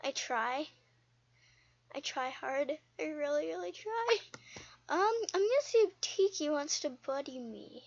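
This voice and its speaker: High-voiced chatty young gamer girl. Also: animated, a little slow, vocal fry, no echo, dull audio. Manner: chatty, rambling, easily indignant. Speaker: game video host. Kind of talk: casual gameplay commentary.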